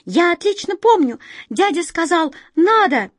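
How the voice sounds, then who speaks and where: A woman voicing tiny, fussy, flustered mice who squeak their words out in a hurry in a storybook reading. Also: no echo, clean studio sound, full character voice. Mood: squeaky excited. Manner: squeaky, hurried, excited.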